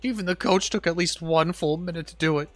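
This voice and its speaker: A man's voice: on the high side, fairly quick, dry recording, soft background music. A man streaming a game, joking and mocking the characters in casual commentary. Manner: joking, animated, mocks the characters.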